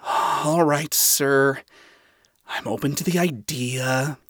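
A man's voice: mid-range voice, slow pace, a bit bright, no room sound, clean studio sound. A man voicing a devoted young female lieutenant who speaks deferentially. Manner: deferential, flustered.

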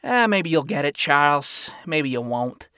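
A man's voice: fairly high pitch, expressive, measured pace, sharp tone, smooth, no echo, clean studio sound. A man voicing a world-weary, flamboyant male spider demon who swears and talks in slang, in a fan fiction reading. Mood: bitter.

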